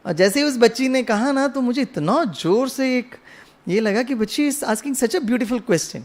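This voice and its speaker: In a very high-pitched, unhurried voice, a male spiritual speaker tells a story and asks his audience questions, dropping English phrases into his talk.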